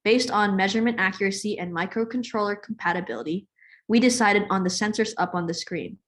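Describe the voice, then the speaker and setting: A young woman from California presenting her part of a student project on a video call, in an even scripted delivery. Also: mid-range voice, brisk.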